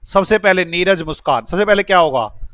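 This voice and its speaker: A man's voice: high voice, expressive, moderate pace, fairly bright tone, dry recording. A male accounts teacher lecturing a class by telling a story with quoted dialogue and asking the students whether they follow. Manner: acts out a story with quoted dialogue, checks understanding with questions.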